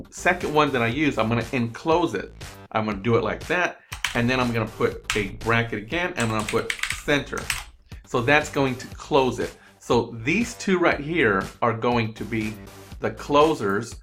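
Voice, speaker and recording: A man explaining a computer task step by step in a screen-recorded tutorial, repeating himself as he goes, on a desk microphone at his computer. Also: mid-range voice. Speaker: online tutorial presenter. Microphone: USB desk microphone.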